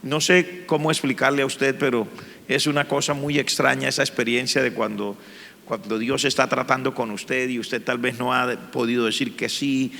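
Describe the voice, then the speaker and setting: A man's voice: medium pitch, level tone, normal speed, vocal fry, pushed and bright, big-room sound. A man, a pastor telling his personal testimony in church with an earnest, emotional manner. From Colombia.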